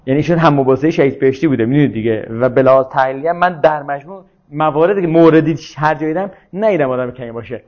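A man lectures in a loose, conversational way, arguing his points and asking over and over whether his listeners follow. His voice sits fairly high for a man. The recording is muffled and lo-fi. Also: hardly any pauses. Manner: argumentative, checks listeners follow with rhetorical questions. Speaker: speaker on religion and politics. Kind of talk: informal lecture.

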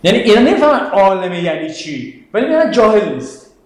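A man's voice: high voice, sing-song. Male religious teacher in an echoey room. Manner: explanatory, quotes Arabic verses, asks students questions. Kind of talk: Quranic exegesis class. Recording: very echoey classroom.

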